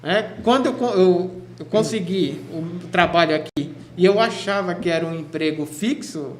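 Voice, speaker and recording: A physical education teacher from Cubatão, in Brazil's São Paulo state, tells his story as a guest on a radio interview. He talks chattily at a normal pace in a high-pitched voice, restarting often. The room is echoey with faint noise.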